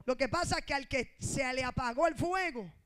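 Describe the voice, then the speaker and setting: High-pitched impassioned Puerto Rican woman preacher. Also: normal speed. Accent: Puerto Rican Spanish. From Puerto Rico. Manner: impassioned, swings between shouting and soft asides. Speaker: pastor. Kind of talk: sermon.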